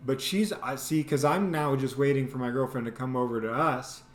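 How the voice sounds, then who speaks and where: At normal speed and medium pitch, a man hosts and spins a casual, funny story from his life. Lively and animated, he voices quoted lines and sound effects, recorded in an echoey, roomy space.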